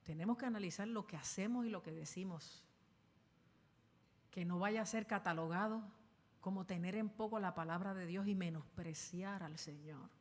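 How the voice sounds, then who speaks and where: A woman pastor delivering a dramatic sermon, with sudden loud bursts as she acts out the voices she quotes. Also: fairly low pitch, moderate pace. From Puerto Rico. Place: church sanctuary. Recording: long reverb in a church hall.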